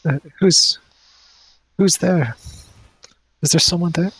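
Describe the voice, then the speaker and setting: A man's voice: fairly high pitch, slow pace, breathy edge, no echo, pitched above the performer's own voice, full character voice. A man voicing a desperate weeping mother, pleading in a shaky voice. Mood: weepy. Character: weepy desperate mother searching for daughter.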